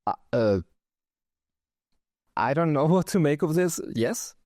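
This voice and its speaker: His voice sits on the high side, animated but slow and a touch mellow, captured in clean studio sound without echo. The host, German-born and Chile-raised with a mixed German-Spanish accent, casually reads comments and responds wryly and conversationally, with the odd chuckle.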